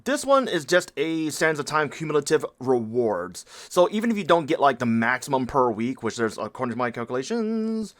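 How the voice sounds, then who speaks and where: A man's voice: medium pitch, sing-song, normal speed, hardly any pauses, fairly bright tone. A man who is sick with a stuffy nose and a nasal voice, talking through a game event in a casual, rambling walkthrough and correcting himself as he goes. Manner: rambling, self-correcting, thinking aloud. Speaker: game guide creator.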